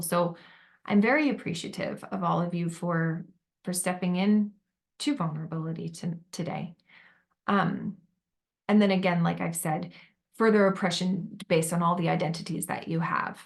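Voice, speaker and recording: A woman facilitating a group discussion on motherhood, gentle and validating, with many fillers. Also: on the low side. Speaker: workshop facilitator.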